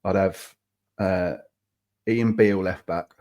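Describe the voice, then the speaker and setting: A man's voice: low voice, steady tone, slow, background noise. A man with a Norfolk accent chatting casually and jokily as a podcast host. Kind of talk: casual joking chat.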